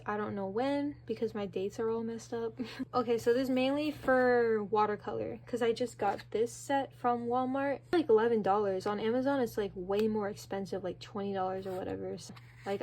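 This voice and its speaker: A young woman giving a casual, chatty tour of her sketchbooks, excitable and full of fillers. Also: a little high. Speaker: vlogger.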